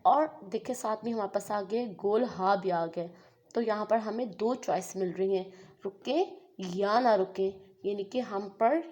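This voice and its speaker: A woman teaches Quran recitation step by step. She chants phrases slowly and stretches them out, then explains each rule by asking and answering her own questions. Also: mid-range voice, mellow. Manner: slow, drawn-out recitation between patient explanations. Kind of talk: step-by-step tajweed lesson.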